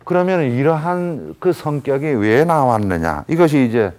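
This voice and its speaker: A man's voice: mid-range voice, expressive, moderate pace, a little mellow, faint music behind. A man lecturing to an audience, explaining terms step by step and often saying "ye" between phrases. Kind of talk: academic lecture.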